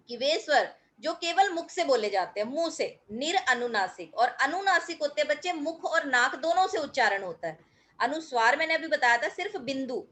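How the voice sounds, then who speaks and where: A middle-aged woman teacher explains a recorded grammar lesson to her pupils in a high, clear voice. She is patient and methodical, stretching out sounds when she demonstrates how they are pronounced. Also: a bit bright. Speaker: school teacher.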